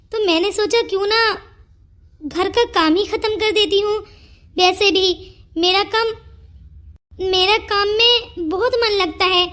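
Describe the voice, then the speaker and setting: A shy, humble village girl in a cartoon story, as a woman voices her. Her voice is very high. She is polite and quick to apologise. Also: a bit bright.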